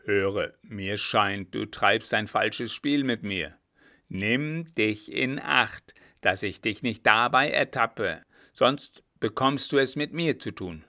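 Man doing a barking, gruff army captain. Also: fairly low pitch, moderate pace, few pauses. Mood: angry, barking. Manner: loud, barking and threatening. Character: gruff, irritable French army captain, middle-aged man.

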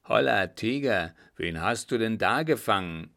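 A man voicing a sly, unhurried coachman who talks in a stubborn, mocking drawl. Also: lowish voice, expressive, creaky, fairly bright tone, exaggerated voice. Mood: gruff. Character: sly, unhurried old coachman, proud dog owner.

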